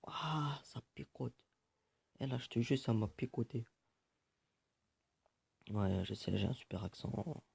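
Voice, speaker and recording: A man's voice: mid-range voice, expressive, takes it slowly, gravelly, pauses often, darkish tone, breathy edge, dry recording. A man giving casual, joking gameplay commentary, swearing often and muttering to himself. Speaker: gaming video host.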